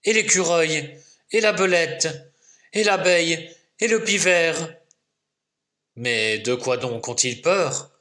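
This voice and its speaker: A man telling a children's tale in a slow, rhythmic, playful way. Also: fairly high pitch, lively intonation, pushed and bright. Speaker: storyteller. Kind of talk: tale told aloud for children.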